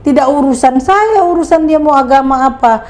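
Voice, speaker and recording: Emphatic middle-aged woman, fairly high voice. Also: moderate pace, darkish tone. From Indonesia. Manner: emphatic, rhetorical questions. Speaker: interview guest. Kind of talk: conversational interview.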